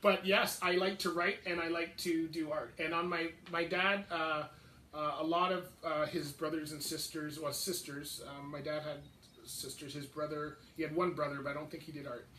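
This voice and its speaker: Canadian man, 50s, high bright voice, laughing easy talker, roomy echo from off mic. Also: flat delivery, normal speed, recorded from a distance. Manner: laughs often, rambling and self-deprecating. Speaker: podcast host being interviewed. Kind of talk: casual interview chat. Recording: echoey room, off mic, faint noise.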